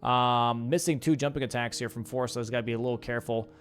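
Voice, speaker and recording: A man's voice: medium pitch, steady tone, quick pace. A young man casting a live video game match, calling the play casually and talking to his stream chat. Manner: casual, slangy, chatting with stream chat between calls. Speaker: caster. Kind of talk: live esports play-by-play commentary.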